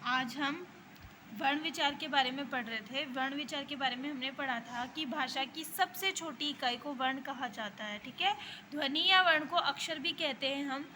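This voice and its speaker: A woman's voice: high-pitched, moderate pace, pushed and bright, a little hiss or hum. A woman with an Indian accent, a school teacher, giving a grammar lesson to young children and explaining each point patiently, over and over. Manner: patient, repetitive explaining with frequent checks.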